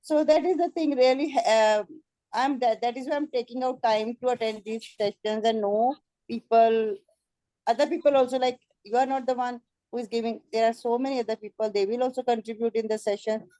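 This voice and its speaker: A woman with an Indian accent sharing her experience in a group session, speaking haltingly with many fillers, mostly in English with some Hindi. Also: fairly high pitch, fairly even intonation, dark tone, no room sound, poor audio.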